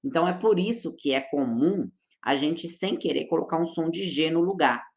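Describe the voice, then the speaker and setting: A man's voice: on the high side, animated, gravelly, highs cut off. Brazilian man teaching Korean pronunciation. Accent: Brazilian Portuguese. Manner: patient, explanatory, repeats example words slowly. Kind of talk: pronunciation lesson.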